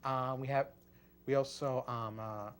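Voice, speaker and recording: A man's voice: mid-range voice, steady tone, measured pace, smooth. A man co-hosting a wrestling podcast, explaining in a rambling way and often restarting his words. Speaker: podcast co-host. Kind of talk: casual wrestling podcast chat.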